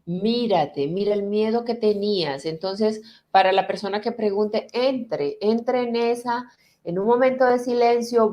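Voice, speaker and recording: Middle-aged woman therapist, mid-pitched, calm, slow, reassuring guide to listeners. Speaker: transgenerational therapist. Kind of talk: guiding talk answering viewer questions.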